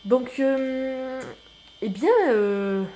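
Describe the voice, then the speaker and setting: A man giving casual gameplay commentary as a new YouTuber, rambling and self-mocking, full of slang and excitable outbursts at the game. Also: very high-pitched, very slow.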